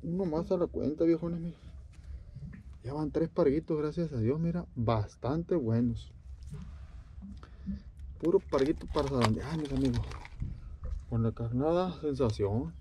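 A man, talking through a fishing trip from a boat outdoors and getting animated when a fish bites. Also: fairly high pitch, measured pace, pauses often, background noise. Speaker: fishing vlogger. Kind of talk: excited fishing commentary.

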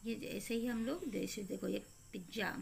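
Slightly gravelly teacher woman guiding children. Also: medium pitch, normal speed, slight background noise. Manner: explains step by step, often asking the children questions and answering them herself. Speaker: primary school teacher. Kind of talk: recorded textbook lesson for young children.

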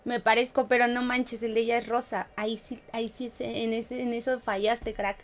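With a voice on the high side that barely moves in pitch, a Mexican game streamer talks at a moderate pace to her live audience. She keeps things playful and chatty, laughing a lot and humming short tunes.

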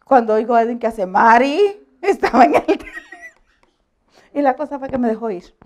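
A woman pastor giving a conversational sermon, telling animated stories, laughing often and checking that her listeners agree. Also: a little high, fast talker. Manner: animated storytelling, asks the audience for agreement; laughs often while preaching.

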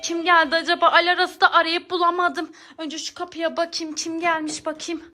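A woman with a very high, bright, ringing voice plays a frazzled mother in a family comedy skit. She fusses and pleads, repeating herself in an exasperated way. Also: flat delivery, fairly quick, soft background music. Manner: exasperated, fussing, keeps repeating pleas.

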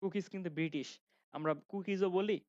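A man's voice: high voice, a little fast, a little mellow, dry recording. A young man from Bangladesh with a Khulna Bangla accent, giving a casual grammar lecture and often asking his students questions. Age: young adult. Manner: chatty, asks students questions, restarts sentences. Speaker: grammar instructor. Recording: dry, dull lo-fi sound.

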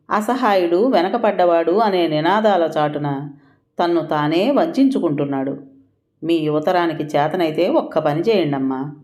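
A woman reading the part of an older village landlord who speaks in an unhurried, reflective way. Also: on the low side, darkish tone, natural voice.

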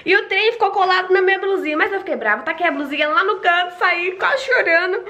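A woman with a Brazilian Portuguese accent, chatting to camera at home in an affectionate, animated way. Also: very high voice, quick pace, highs cut off. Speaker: vlogger. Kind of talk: casual chat to camera.

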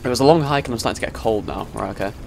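A man's voice: mid-range voice, racing, creaky, darkish tone, a little hiss or hum. A young man playing a horror game, swearing, jumping at scares and reading the game's text aloud. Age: young adult. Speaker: gaming YouTuber. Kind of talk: horror game let's play commentary.

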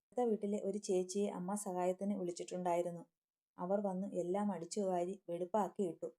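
A woman's voice: lowish voice, level tone, a little fast, warm tone. A woman reading a family story aloud as a storyteller, doing the characters' lines in her own voice. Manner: reads all characters in her own voice, slightly raised for dialogue. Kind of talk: scripted story narration.

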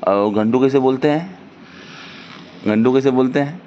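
A man's voice: medium pitch, moderate pace, warm tone. A man, chatting with a small child in a home video and coaxing them with simple repeated questions. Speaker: family member talking with a toddler. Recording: muffled home video with background noise.

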